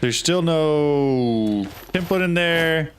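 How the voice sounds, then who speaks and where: A man's voice: fairly high pitch, animated, drawn-out words, a little hiss or hum. A man streaming a game, thinking aloud in casual talk and often asking puzzled questions. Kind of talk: casual live gameplay talk.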